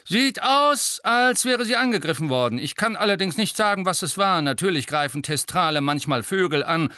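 Man voicing gruff older witch, brisk, raised pitch, loud, storybook. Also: lively intonation, dry recording, studio quality. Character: gruff pipe-smoking older witch teacher.

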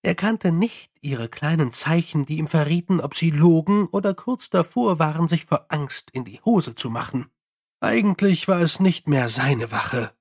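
Lively man reading an audiobook. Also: a little high, a little slow. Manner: lively, expressive storytelling. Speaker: audiobook narrator. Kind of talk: scripted narration.

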